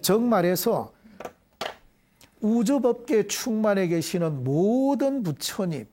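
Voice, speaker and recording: A middle-aged man leading a Buddhist prayer and explaining scripture terms to a class in a deliberate, measured way. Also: high-pitched, animated, mellow, slight background noise. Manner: deliberate, measured, leads call-and-response repetition. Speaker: Buddhist dharma teacher. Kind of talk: devotional prayer and explanatory dharma lecture.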